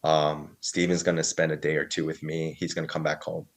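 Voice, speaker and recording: A man in his thirties with a very deep, low-pitched voice tells his story as a podcast guest. He rambles casually, repeating "so then" and "like", and acts out the words of others. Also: level tone, brisk. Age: 30s. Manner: rambling, filler-heavy, quotes others.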